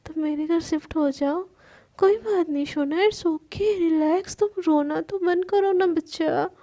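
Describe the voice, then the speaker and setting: A playful young woman in love, teasing and comforting, with a high, gravelly voice and a dark, mellow tone, as a woman storyteller puts her on. She keeps calling her partner baby. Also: measured pace. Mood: soothing.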